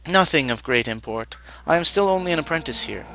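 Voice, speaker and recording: Dude reading out a formal young alien mage apprentice, bright voice, a bit of hiss in the back. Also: male voice, a little high, lively intonation, a little fast, poor audio.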